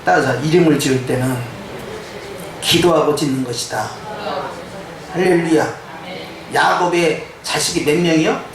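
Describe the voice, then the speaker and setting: A male pastor delivering a lively sermon, acting out voices he quotes, with a touch of Jeolla dialect. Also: a little high, unhurried, long pauses, a crowd in the background. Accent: Korean, some Jeolla dialect. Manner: animated preaching, mimicking quoted voices. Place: church sanctuary. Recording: echoey church hall from far off.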